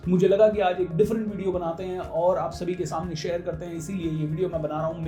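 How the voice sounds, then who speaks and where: A man coaches English pronunciation in a casual Hindi lesson, stretching words out slowly to show their stress. His voice is dark and mellow. He sounds like he's in a roomy, echoing space with soft music underneath. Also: high-pitched. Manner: slows right down to drill words, stressing syllables.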